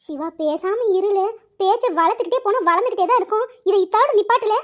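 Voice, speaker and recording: Brief: woman playing a firm, high-voiced cartoon mother, brisk and commanding. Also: lo-fi sound. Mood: stern. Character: middle-aged mother, stern peacemaker.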